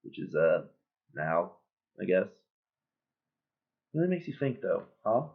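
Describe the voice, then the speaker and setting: A man's voice: low-pitched, slow pace, pitched below the performer's own voice, exaggerated voice. BoJack: a man reading as a sardonic washed-up horse. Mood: sardonic eulogy. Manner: sardonic, deadpan joking. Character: bitter, sardonic middle-aged male horse, washed-up star. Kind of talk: cold-read monologue. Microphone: built-in computer webcam mic. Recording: tinny, phone-like webcam audio.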